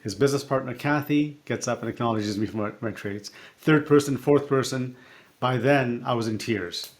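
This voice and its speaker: Middle-aged male coach as podcast guest; reflective, halting storyteller, mid-pitched. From born in Africa, raised partly in Canada. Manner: reflective, halting with fillers and restarts.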